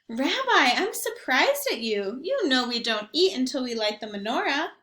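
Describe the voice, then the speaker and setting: A woman plays a kindly old grandmother who is half blind and half deaf, chatting away in a fond, fussing, sing-song manner. Her voice is high and very animated, at a moderate pace and slightly bright, with a roomy sound.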